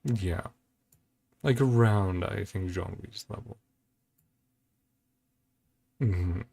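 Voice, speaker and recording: The host of a reaction and ranking video, a man with a low, creaky, warm voice, gives casual reaction commentary at an extremely slow pace. He thinks aloud in short, hesitant fragments while game trailer music plays behind his voice.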